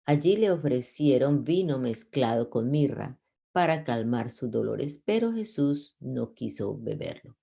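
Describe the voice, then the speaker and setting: A man reads scripture aloud in a mellow, gravelly voice. He stumbles over words at times and goes back to correct himself, keeping a plain, unhurried tone. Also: mid-range voice, sing-song. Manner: unpolished reading with slips and self-corrections. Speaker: Bible reader.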